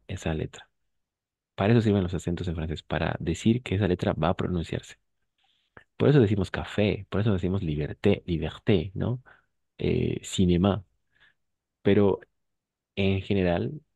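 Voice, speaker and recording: Low-voiced guy teaching french, dark mellow tone, dry sound, patient and clear. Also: no room sound. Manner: patient, switches between Spanish and French, drills pronunciation. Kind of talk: online class, explaining in Spanish and French.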